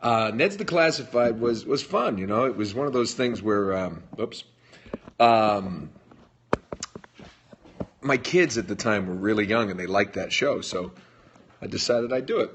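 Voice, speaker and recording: Speaking a little slowly with long pauses, this middle-aged livestream host has a lowish, animated voice with a breathy edge. He jokes and chats as he reads out fan comments and responds, streaming from his phone.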